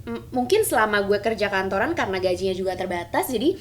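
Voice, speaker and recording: A young woman talks quickly and easily in a casual podcast chat. She is lively and slangy and drops English words into her sentences. Her voice sits at a middle pitch. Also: slight background noise. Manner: chatty, animated, slangy with English words mixed in. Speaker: podcast guest speaker.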